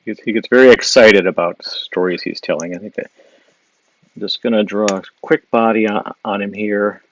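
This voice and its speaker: This man from Wisconsin, who has a Wisconsin accent, speaks at normal speed in a fairly low, steady voice while giving a live drawing demo. He is an illustrator thinking out loud as he draws, full of fillers and restarts, and he reads viewer questions in this casual live stream. Captured by a device mic on a live social video stream, the audio is low-quality and has no room sound.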